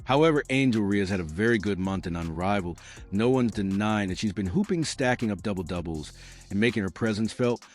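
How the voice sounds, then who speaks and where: Low, sarcastic male narrator. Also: a little fast, soft background music. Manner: sarcastic, theatrical. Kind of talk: scripted mocking commentary.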